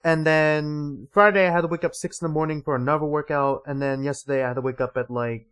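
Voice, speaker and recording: A tired young man with a slightly sore throat streams a game, chatting casually, rambling with lots of fillers, and reading dialogue aloud. His fairly high voice is steady, smooth and a bit bright, and he talks fast.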